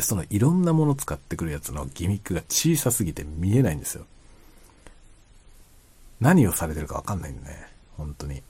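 A man chatting casually and quietly late at night, rambling as he explains, often trailing into soft asides. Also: husky. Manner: quiet, low-voiced late-night talk. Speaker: streamer chatting to listeners.

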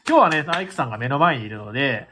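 A man's voice: mid-range voice, lively intonation, very fast, noisy background. A male radio show host chatting casually over an iPhone mic, with lots of fillers and laughter. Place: board game bar. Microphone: iPhone held close.

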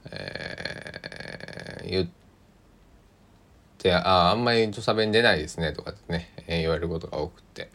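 A man's voice: sits low, normal speed, creaky, long pauses, a bit bright. A man from Kochi with a Kochi accent, hosting a casual solo radio talk and rambling unhurriedly with many hesitations. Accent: Kochi (Tosa) Japanese. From Kochi, Japan. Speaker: podcast host.

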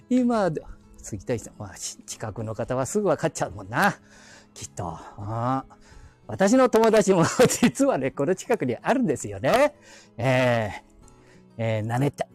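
He's a live audio streamer speaking Aichi (Nagoya-area) dialect, husky and medium-pitched, with a lively up-and-down delivery. Out walking on quiet residential streets with his phone in hand as the mic, he keeps up a casual, rambling walk-and-talk. He chats away, talks to himself, and chuckles in asides.

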